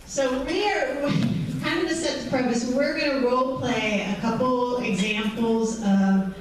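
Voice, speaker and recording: A mental health counselor with a high voice gives an unhurried, conversational presentation to a patient group, often saying "um" and "right." She is in a large, echoey event room, picked up by a distant mic with faint background noise.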